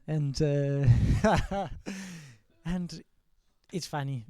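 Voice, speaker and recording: An Argentine musician whose first language is Spanish speaks slowly and haltingly in a casual interview at a record store release party. His voice is on the high side and dark, with no echo. He sounds hesitant, with many fillers and restarts.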